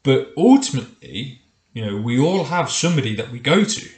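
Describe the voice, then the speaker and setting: A middle-aged man hosts a solo podcast in a casual, conversational way. His voice sits at an ordinary male pitch and rings with the roomy echo of a home kitchen. He addresses the listener directly, as if chatting one to one. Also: very animated, brisk, darkish tone. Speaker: podcast host. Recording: echoey, roomy kitchen sound.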